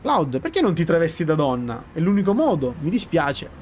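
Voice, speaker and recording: A man's voice: a little high, sing-song, moderate pace, a little mellow, faint music behind. A man reading aloud the lines of a playful, persuasive young woman in a video game.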